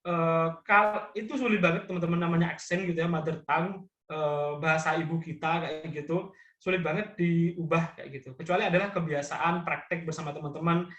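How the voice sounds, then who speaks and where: Chatty high-voiced man on an echoey call. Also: a bit bright, muffled recording. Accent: Javanese-tinged Indonesian. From Madura, Indonesia. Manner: chatty, joking, keeps tagging phrases with fillers. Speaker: public speaking trainer. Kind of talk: casual online training talk. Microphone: video call. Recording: echoey room.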